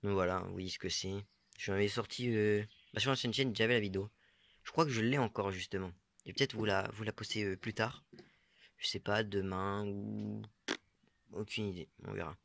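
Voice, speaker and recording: A man's voice: lowish voice, fairly even intonation, normal speed, gravelly, fairly bright tone, no room sound. Hesitant young man showing his finds. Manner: hesitant, many fillers, unsure asides. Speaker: metal-detecting hobbyist showing finds. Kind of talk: casual show-and-tell vlog.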